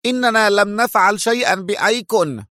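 Man putting on a shrill panicked agent. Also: brisk, bright, forceful tone, no echo, studio quality. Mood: tense, agitated. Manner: shrill, frantic, strained. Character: panicked nervous male agent, cornered.

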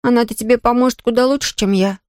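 A woman voicing a stubborn, anxious boy under ten who talks quickly and defensively. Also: on the high side, fairly even intonation, darkish tone, dry recording, pitched above the performer's own voice, natural voice.

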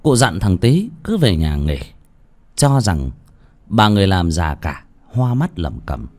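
A man narrating a ghost story in a lively, dramatic reading. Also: deep voice, measured pace.

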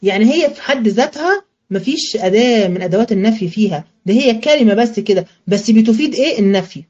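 A woman's voice: fairly high pitch, animated, darkish tone. Egyptian woman teaching, slightly muffled. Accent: Egyptian Arabic. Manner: asks questions and answers them herself; slows to a drawn-out chant when reciting verses. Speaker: religious studies teacher. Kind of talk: colloquial lecture with recitation.

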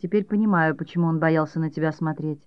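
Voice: mid-range voice, fast, clear, resonant tone, no echo, voice pushed down, natural voice. A reader voicing a curt, pushy psychiatrist. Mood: probing. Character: blunt, impatient psychiatrist man. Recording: dull dry audiobook recording.

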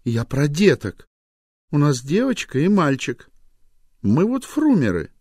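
A man reading an audiobook aloud, voicing a sharp-tongued young wife who mocks and provokes her husband. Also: fairly high pitch, huge pitch swings, no room sound, studio quality, pitched above the performer's own voice, full character voice. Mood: bickering. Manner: mocking, provocative, quick to snap. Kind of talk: audiobook character voice.

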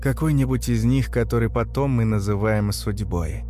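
A man narrating a dark first-person story in a measured, grave, tense manner. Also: on the low side, soft background music. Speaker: audiobook narrator.

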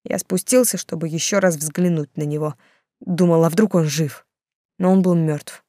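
A woman's voice: low voice, steady tone, moderate pace, mellow, no room sound, clean studio sound, natural voice. A woman voicing an agitated, defiant young man in love, in an audiobook. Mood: shaken. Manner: agitated, outbursts.

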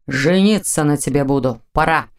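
A woman voicing a male dark mage in dragon form, speaking low, growly and commanding. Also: normal speed, clean tone. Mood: calm commanding. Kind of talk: audiobook character voicing.

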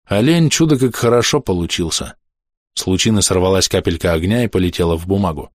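A man reading an audiobook aloud in an expressive storytelling manner. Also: low-pitched, no room sound, clean studio sound. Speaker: audiobook narrator. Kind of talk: scripted narration.

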